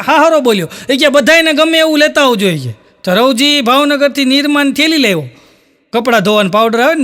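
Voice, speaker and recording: Telling Gujarati folk jokes, this male stand-up comedian rambles through his stories and acts out every quoted voice. His voice is very high and a bit bright.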